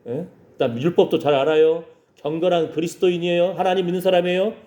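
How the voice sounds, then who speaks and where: A man's voice: high-pitched, fairly even intonation, quick pace, mellow. A man preaching a sermon as pastor, emphatic and conversational, with frequent rhetorical asides to his congregation.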